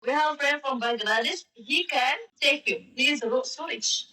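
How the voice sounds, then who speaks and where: A woman's voice: high-pitched, moderate pace, bright, forceful tone, distant mic. A woman chatting casually on a live-stream app, speaking in a playful, teasing manner. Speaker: language exchange chat partner. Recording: echoey and off-mic.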